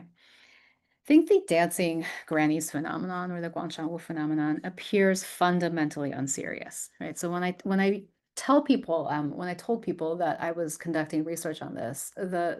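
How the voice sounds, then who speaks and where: A woman's voice: on the low side, darkish tone. A woman researcher giving an academic lecture, speaking thoughtfully with frequent ums and small restarts.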